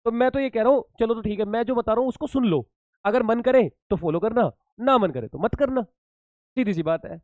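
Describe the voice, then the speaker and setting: A man's voice: extremely high pitch, animated, a little fast, darkish tone, no room sound. A man teaching commerce students in a casual exam-tips lesson, chatty and reassuring, calling them beta.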